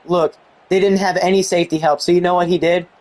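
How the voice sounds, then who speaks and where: A young man giving excited commentary on a football video game he is playing, exclaiming and mildly swearing. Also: high voice, fast. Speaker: gaming YouTuber.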